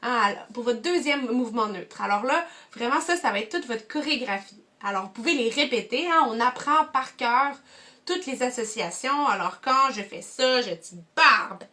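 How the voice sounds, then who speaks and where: Bright-voiced Québécois woman guiding a class. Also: fairly high pitch, expressive, moderate pace. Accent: Quebec French. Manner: warm, encouraging, addresses viewers directly. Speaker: cultural mediator. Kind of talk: guided activity for kids at home. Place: home, indoors.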